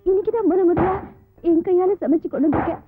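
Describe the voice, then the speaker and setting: Young village wife, high voice, pleading, tinny lo-fi film audio, music behind. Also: female voice, fast. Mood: remorseful. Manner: pleading, emotional. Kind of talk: 1990s film acting.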